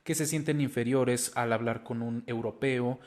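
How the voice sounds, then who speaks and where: A man's voice: medium pitch, steady tone, moderate pace, darkish tone. A man in his twenties with a Mexican Spanish accent, hosting a language-learning video and speaking straight to his viewers in an earnest, encouraging way. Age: 20s. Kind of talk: motivational talk to camera.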